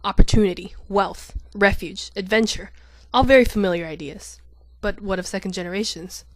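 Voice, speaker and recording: A woman giving scripted, measured voice-over narration for a documentary. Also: medium pitch.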